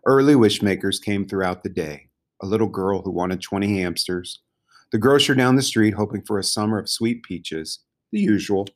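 A man narrating a children's storybook in a gentle, measured way. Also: lowish voice. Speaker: audiobook narrator.

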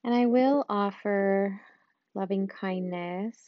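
A woman guiding a loving-kindness meditation in a slow, soft and soothing way, with long pauses. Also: medium pitch, no echo, lo-fi sound. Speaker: meditation guide.

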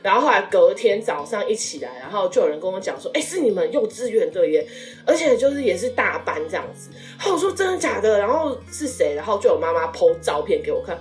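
A woman's voice: mid-range voice, fast, few pauses, distant mic. A woman in her thirties tells a personal story in casual conversation, acting out the lines of the people in it. She sits a little away from the microphone. Faint background music plays under her voice. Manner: emotional storytelling, animated quoted speech. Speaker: guest.

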